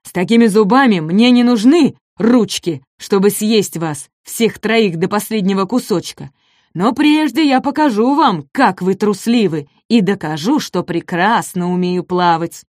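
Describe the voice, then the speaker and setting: A woman's voice: medium pitch, expressive, unhurried, a little mellow, no room sound, clean studio sound. A woman voicing a greedy, boastful male predator dinosaur in a children's storybook, growling and menacing. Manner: growling, snarling.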